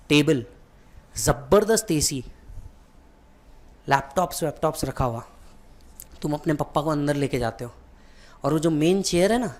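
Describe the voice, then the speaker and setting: Man telling a vivid motivational story. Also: on the high side. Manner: vivid, addresses the listener directly. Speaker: exam coaching teacher.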